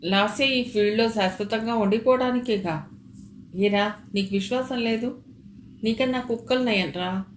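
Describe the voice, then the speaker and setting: A woman reading aloud, voicing a hot-tempered man who shouts accusations, recorded with a roomy echo. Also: on the high side, normal speed, slight background noise, close to an everyday voice. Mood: furious.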